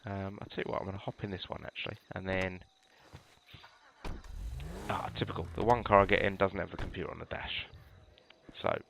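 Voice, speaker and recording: A cold-stuffed British gamer shows off police cars in a relaxed walkthrough, meandering with many ums and restarts. His low, steady voice moves a little fast with vocal fry, long pauses and a fairly bright tone, over slight background noise.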